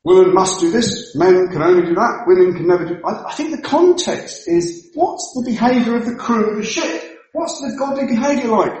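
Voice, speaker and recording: A man's voice: high voice, normal speed, a little mellow. A male pastor giving a sermon in a church, explaining things emphatically and repeating his key points. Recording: very echoey church hall.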